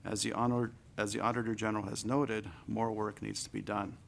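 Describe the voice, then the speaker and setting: A man, a deputy minister, giving formal committee testimony in a low-key, monotone delivery. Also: fairly quick, vocal fry, a little hiss or hum. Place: legislative committee room.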